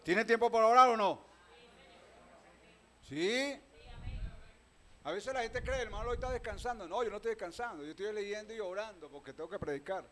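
A man with a Venezuelan accent preaching a sermon, calling out questions to the congregation and swinging between loud proclaiming and quiet talk. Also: sits high, lively intonation, normal speed, long pauses. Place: church hall.

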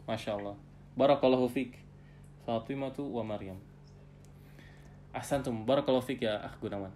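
A man teaching an Arabic class online, patiently explaining terms and often ending phrases with a soft tag. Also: medium pitch, moderate pace, a little hiss or hum. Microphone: video call.

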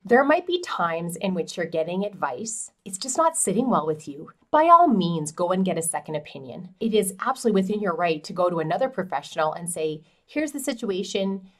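Low-voiced woman advising straight to camera. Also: very animated, brisk, few pauses. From Canada. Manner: direct, encouraging advice. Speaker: farm transition specialist. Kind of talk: educational talk to camera. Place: small indoor office.

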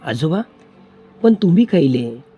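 A man's voice: on the high side, very animated, takes it slowly, slightly rough, lo-fi sound, voice pushed up, exaggerated voice. A man doing an anxious young traveler with a Malvani accent. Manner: anxious, questioning. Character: frightened young male traveler lost at night.

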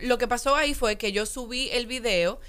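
A Dominican woman in her thirties, a guest telling her side of a story in a radio studio interview, emphatic and animated. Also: fairly high pitch, moderate pace, over a noisy crowd. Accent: Dominican Spanish. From Dominican Republic. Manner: animated, emphatic storytelling with lively hand gestures. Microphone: studio mic on boom arm.

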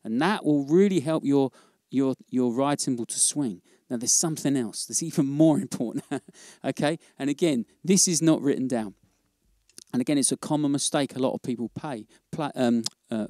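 A man teaching jazz drumming in a casual, relaxed way, often checking in with "okay?". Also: mid-range voice, normal speed, no room sound, studio quality. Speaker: drum teacher. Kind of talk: casual instructional demo.

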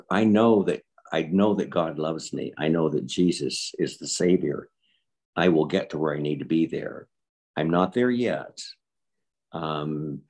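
Very deep, gravelly older man. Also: darkish tone. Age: 70s. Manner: earnest, reflective, repeats words for emphasis. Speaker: guest. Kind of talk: personal interview.

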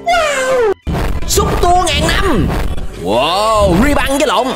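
Here the young Vietnamese host, southern accent intact, speaks extremely slowly in a very high, gravelly voice with huge pitch swings. He gives playful, exclamatory reaction commentary with English interjections into a close desk microphone, in a small indoor streaming setup with music behind.

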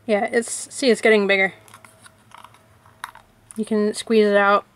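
A woman's voice: mid-range voice, level tone, unhurried. A woman chatting casually as she unwraps and tastes snacks for a vlog, thinking aloud as she goes. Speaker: vlogger.

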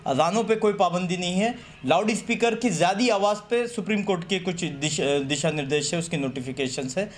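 A political party representative in his 30s, seated at a table in a small office room, gives a methodical, formal statement to the press into press microphones set on the table. His voice is high and brisk, with few pauses, and the room recording is clearly noisy.

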